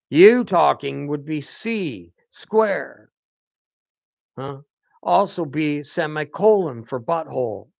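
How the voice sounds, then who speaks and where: A man's voice: a little high, vocal fry, no room sound. A man rambling through a spiritual monologue as a channel host, often asking "hmm?" to his listeners. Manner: rambling, repeated prompts of "hmm?". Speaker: channel host, self-styled teacher. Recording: dull lo-fi dry recording.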